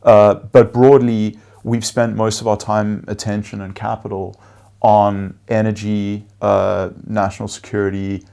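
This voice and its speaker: A venture investor whose first language is Afrikaans gives measured interview answers, listing points and using frequent fillers. His voice is fairly low and dark, with vocal fry and a flat delivery.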